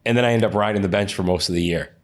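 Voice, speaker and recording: A man's voice: fairly low pitch, very fast. A man in an interview, telling stories casually, often restarting and repeating words. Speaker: interview guest, athlete and coach.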